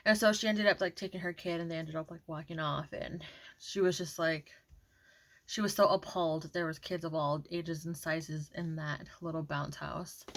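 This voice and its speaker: A woman's voice: sits low, fairly even intonation, normal speed. A young woman vlogger telling a casual story-time rant, chatty and exasperated, with lots of filler words.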